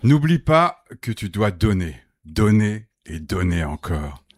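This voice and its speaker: A swooping, pompous guru messiah. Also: male voice, lowish voice, very animated, slow, no room sound, studio quality, exaggerated voice. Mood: firm, unctuous. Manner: preachy, grandiloquent, turning curt. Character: self-styled messiah guru, pompous, greedy. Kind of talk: comic radio serial acting.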